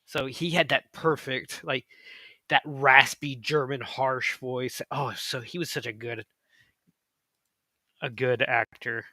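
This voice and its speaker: A man co-hosting a casual online show, chatty and quick to get excited. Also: medium pitch, no echo. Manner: chatty, animated, quick to exclaim. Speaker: co-host. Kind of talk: casual podcast chat.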